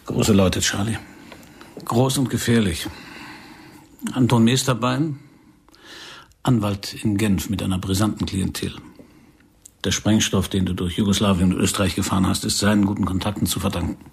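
A male actor in a radio drama plays a controlled, brooding secret-service handler, his lowish, gravelly, slightly rough voice steady, measured and grave. The performance is heavily acted and has the feel of a serious briefing.

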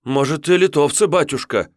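A man voicing a frantic, trembling young male serf messenger who pleads in breathless shouts. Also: a little high, moderate pace, dry recording, studio quality, voice pushed up, lightly acted. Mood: frantic pleading.

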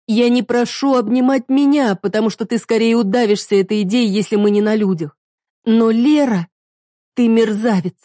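A woman voicing a heartbroken young wife who shouts bitter accusations at her husband, on the edge of tears. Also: a little high, moderate pace, no room sound, studio quality, pitched above the performer's own voice, lightly acted. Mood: anguished shouting.

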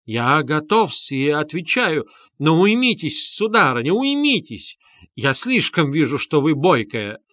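A man reading an audiobook plays a pompous, fawning gentleman who talks in stiff, obsequious phrases. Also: fairly high pitch, sing-song, a little slow, no echo, studio quality, pitched above the performer's own voice. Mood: flustered pompous. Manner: obsequious, sprinkling polite "-s" suffixes.

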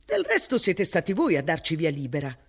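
A woman's voice: deep voice, huge pitch swings, brisk, husky, full character voice. A woman voicing a cheerful, overfamiliar young man with a breezy, chatty manner in a story reading.

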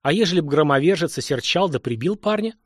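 Man playing a gruff Cossack officer. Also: a little high, expressive, fast talker, no room sound, studio quality. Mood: grumbling. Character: blunt male Cossack officer, gruff and outspoken.

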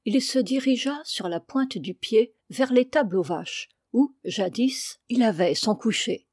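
Mellow woman reading a novel aloud. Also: fairly high pitch, no echo, studio quality. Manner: measured, expressive reading. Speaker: audiobook reader. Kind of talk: literary audiobook narration.

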